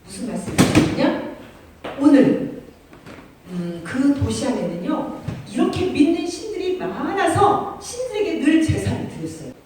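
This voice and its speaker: A woman teacher giving a sermon to children in church, telling the story in an animated way and speaking straight to the kids. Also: high voice, unhurried, a little hiss or hum. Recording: very echoey room, mic far off.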